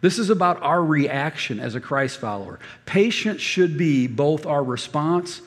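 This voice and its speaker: A man's voice: a little high, lively intonation, unhurried, long reverb tail. A man preaching a sermon as pastor, telling stories and acting out the voices of people he quotes. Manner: storytelling, acts out quoted voices. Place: church hall.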